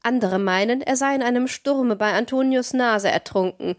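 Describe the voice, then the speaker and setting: A woman reading a storybook, voicing an old villager who calmly reports news of the dead and departed. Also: a little high, normal speed, no echo, clean studio sound, close to an everyday voice. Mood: matter-of-fact. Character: old villager with a thin, whistling voice.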